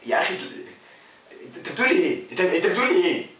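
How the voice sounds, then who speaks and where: A young man with an Egyptian Arabic accent hosts a comic Q&A vlog, joking and switching between mock-serious mumbling and loud outbursts. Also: sits high, big pitch swings, very fast, heavy reverb, far from the mic. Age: young adult. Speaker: comedy YouTuber.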